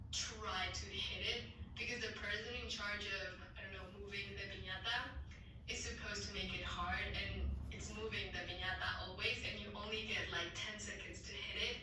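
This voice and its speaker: In a played-back voice message, a woman talks in a relaxed, chatty way, laughing lightly between phrases. Her voice sounds far off in a very echoey space, with clear noise underneath. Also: mid-range voice, normal speed. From Mexico. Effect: voice message played back on a device. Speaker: friend sending in a voice message. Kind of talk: casual recorded message.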